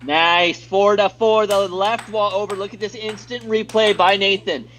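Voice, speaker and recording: Upbeat high-voiced American commentator. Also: male voice, fairly even intonation, measured pace, a bit bright, slight background noise. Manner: upbeat, reads viewer chat aloud between plays. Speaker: live stream commentator. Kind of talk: live play-by-play commentary and chat reading.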